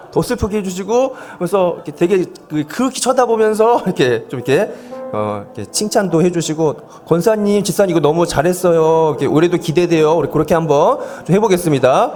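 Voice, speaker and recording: Faint music plays behind a male pastor whose fairly high, darkish voice swings broadly in pitch at a brisk pace. The man, in his forties, speaks into a handheld microphone at the church pulpit, leading a volunteer seminar through a playful sermon of audience games, jokes, gentle coaxing, and self-deprecating asides.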